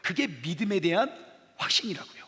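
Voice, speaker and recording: A man's voice: sits high, fairly quick, slightly rough. A middle-aged man preaching at a youth camp, acting out dialogue scenes with the crowd. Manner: animated, acts out dialogue with the audience. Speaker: pastor. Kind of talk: lively youth camp sermon with acted skits. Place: large hall. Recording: long hall reverb.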